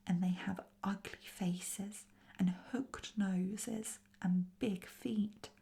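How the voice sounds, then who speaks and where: A woman voicing a frightened little fairy girl in a soft whispered role-play. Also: medium pitch, fairly even intonation, extremely slow, gravelly. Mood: anxious. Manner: anxious.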